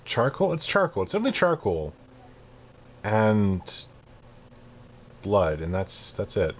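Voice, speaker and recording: A man narrates a tabletop game as its game master, calm and descriptive. His voice sits a little low, and the recording is muffled and lo-fi. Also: a little slow.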